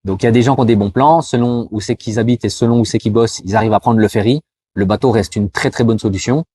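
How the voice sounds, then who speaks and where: A man from France talking casually to the viewer, full of fillers, slowing down to spell out greetings. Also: on the low side, mellow, husky, no room sound. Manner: chatty, addresses viewer as tu, frequent euh fillers; slows down to demonstrate pronunciation. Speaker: vlogger giving advice to cross-border workers. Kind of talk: casual explanatory talk with mini language lesson.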